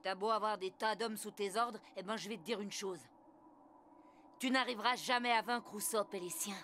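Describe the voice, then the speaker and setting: A woman's voice: medium pitch, fairly even intonation, normal speed, slight background noise, close to an everyday voice. A woman voicing a brash, defiant young boy pirate hero in a French anime dub. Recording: loud soundtrack music behind.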